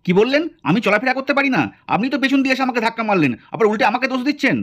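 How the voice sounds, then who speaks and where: A man's voice: very high-pitched, expressive, racing, fairly bright tone, dull audio. A man voicing a flustered young stranger in a puppet cartoon, protesting indignantly.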